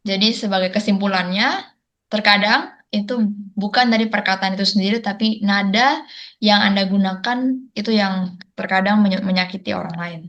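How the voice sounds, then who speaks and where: A woman's voice: medium pitch, moderate pace, a bit bright. Woman interpreting over dull audio. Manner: careful, with frequent hesitation sounds. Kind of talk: consecutive interpreting in a webinar.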